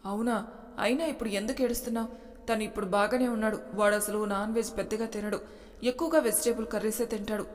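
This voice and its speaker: Woman playing a sharp-tongued young man, protective brother, storybook reading, echoing hall. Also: a little high, steady tone, fast talker, close to an everyday voice. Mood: worried.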